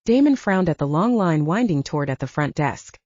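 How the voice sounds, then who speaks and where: A woman narrating a romance audiobook with expressive storytelling. Her voice is low, mellow and lively in its rise and fall. The recording is dry and slightly muffled. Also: brisk, no room sound. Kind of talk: scripted narration.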